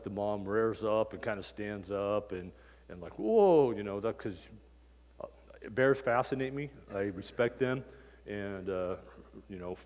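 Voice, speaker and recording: Man, Bible class teacher, slightly low voice, easygoing and chatty, church room with a long ring. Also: big-room sound, muffled recording. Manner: relaxed, conversational, many ums and uhs. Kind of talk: casual Bible lesson with personal storytelling.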